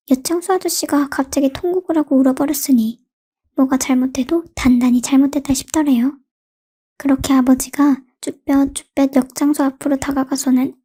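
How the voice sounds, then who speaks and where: A woman narrates a true-life story in a gentle, retelling manner. Her voice sits high but soft and mellow, and she keeps a calm storybook pace. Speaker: story reader.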